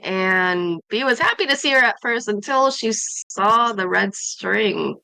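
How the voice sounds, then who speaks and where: A woman's voice: mid-range voice, animated, unhurried, creaky, sharp tone, clear, resonant tone, no room sound, low-quality recording. A woman recapping her character's adventures from a tabletop game session at home, rambling with many fillers and self-corrections.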